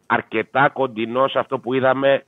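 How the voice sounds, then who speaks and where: A man talking through a football match as an analyst, measured and thinking aloud with fillers. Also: mid-range voice, flat delivery, no room sound. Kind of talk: casual sports betting talk. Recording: tinny dry phone line.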